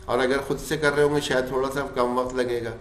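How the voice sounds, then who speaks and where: A man teaches a tajweed lesson in a mid-pitched voice. He moves between plain explanation and slowly drawn-out chanted examples, posing questions and then answering them himself. The recording carries a roomy echo. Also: level tone, a little hiss or hum. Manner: explains rules, then stretches words slowly in chanted recitation. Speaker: Quran recitation teacher.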